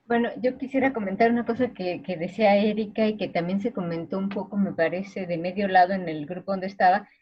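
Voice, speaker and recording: A woman speaking in a measured way in a group discussion over a call, a little distant from the mic. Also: mid-range voice, steady tone. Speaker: discussion participant. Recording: dull lo-fi call audio.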